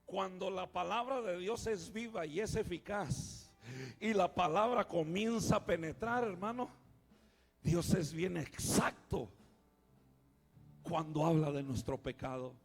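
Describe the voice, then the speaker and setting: A male pastor preaching a sermon, calling out to the congregation and swinging from quiet asides to shouting. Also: sits high, a little slow, gravelly. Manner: calls out to the congregation, often says "hermano".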